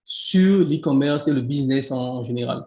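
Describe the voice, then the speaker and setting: A man's voice: medium pitch, moderate pace, warm tone, echoey room. A man in his thirties from Benin with a Beninese French accent, a guest in a casual interview who talks with many restarts and laughs easily. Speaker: guest, e-commerce coach.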